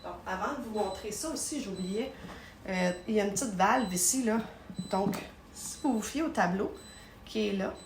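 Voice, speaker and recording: A woman's voice: medium pitch, creaky, a little hiss or hum. A woman with a Québécois French accent, chatting casually through a live product demonstration in her home kitchen, recorded on a phone, sometimes stumbling over her words.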